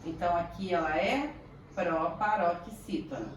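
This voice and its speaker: A woman's voice: on the low side, a little hiss or hum. Brazilian woman teacher, echoey distant room. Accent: Brazilian Portuguese. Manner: slow, deliberate, stretches words to sound out syllables. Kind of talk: primary school grammar lesson.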